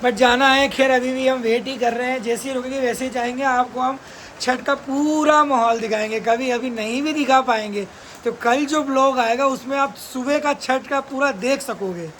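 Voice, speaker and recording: A young man chats casually into his phone camera at home, doubling words as he goes. His voice sits fairly high. Loud background noise runs under the phone recording. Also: fairly even intonation, normal speed, rough recording. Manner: chatty, repeats words in pairs. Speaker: vlogger. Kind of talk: casual vlog chat. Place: family home on a rainy day.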